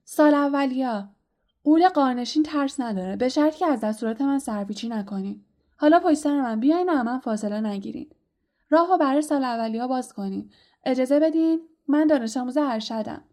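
A woman voicing an eager, pompous teenage boy prefect who gives quick orders in a storybook reading. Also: high voice, animated, a little mellow. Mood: bossy eager. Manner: bossy, quick commanding tone.

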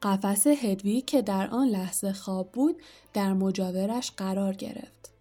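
A woman narrating an audiobook story in a measured storytelling manner. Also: mid-range voice, dark tone, soft background music. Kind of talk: scripted narration.

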